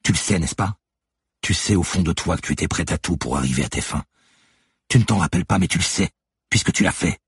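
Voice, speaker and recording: A man's voice: deep voice, a little fast, husky, no room sound, clean studio sound, full character voice. A man voicing a relentless woman police detective who lays out her accusations steadily and methodically in an audiobook. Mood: accusing, cold. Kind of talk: audiobook character voice.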